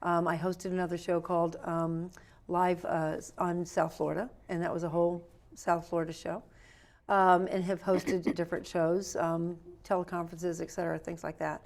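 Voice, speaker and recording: A woman guest in an interview, chatting in a playful, animated storytelling way. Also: on the low side, normal speed. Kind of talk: lively interview chat.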